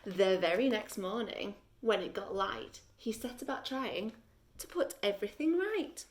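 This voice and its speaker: In a medium-pitched voice, a woman reads a children's story aloud as a teacher might. She is measured and expressive and pauses for dramatic effect.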